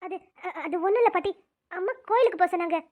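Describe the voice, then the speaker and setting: A woman's voice: very high voice, fast, narrow, tinny audio. A woman voicing a stubborn young woman in a cartoon, firm and pleading by turns. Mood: flustered. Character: defiant young woman, stubborn about marriage. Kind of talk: cartoon voice acting.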